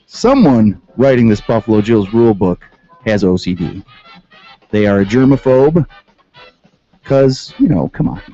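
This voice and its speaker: Male radio host, sarcastic comic riffing, animated pitch, lo-fi audio with light music. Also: a little slow, pauses often. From Western New York. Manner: sarcastic, reads rules aloud and riffs on them. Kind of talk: comedic commentary. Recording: dull lo-fi sound with faint music.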